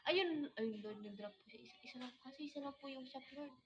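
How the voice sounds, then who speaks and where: A woman's voice: sits high, fast. A Filipino woman hosting a casual livestream, mock-praying to the Lord about gifts from viewers in a polite, pleading way. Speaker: livestream host. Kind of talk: casual livestream chat, pretending to pray. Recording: dull lo-fi audio with loud crowd behind.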